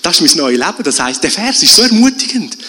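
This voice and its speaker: A man preaching a lively sermon, often tagging his sentences with a questioning "oder?". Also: fairly high pitch, quick pace, slightly rough. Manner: animated, keeps asking "oder?". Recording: long hall reverb.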